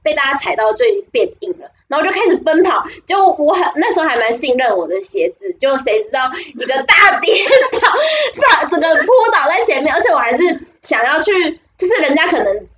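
A young woman with a Taiwanese Mandarin accent co-hosts a podcast, telling stories in a giggly, rambling way with lots of restarts. Her voice is high, sing-song and a bit bright, and she talks fast with few pauses. There's slight background noise in this casual storytelling chat.

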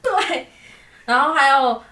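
A woman's voice: high voice, expressive, slow pace, pushed and bright, roomy sound. A woman from Taiwan with a Taiwanese Mandarin accent, telling her own stories animatedly as a podcast co-host, laughing often at herself. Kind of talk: casual chat, storytelling.

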